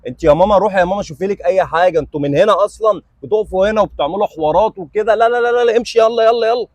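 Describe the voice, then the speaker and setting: Brief: male actor as a snappish, dismissive young man, Egyptian accent, rapid delivery. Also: high voice, no echo. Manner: brusque, dismissive, quick to shout. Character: rude, arrogant young man who later grovels. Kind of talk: web sketch acting.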